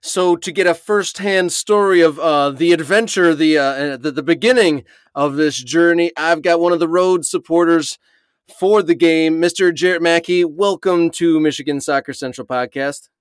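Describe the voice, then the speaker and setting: Male sports podcast host, smooth voice, halting conversational delivery, very dry sound as if recorded inside a closet. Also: on the high side, steady tone, no echo. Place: small closet under the stairs.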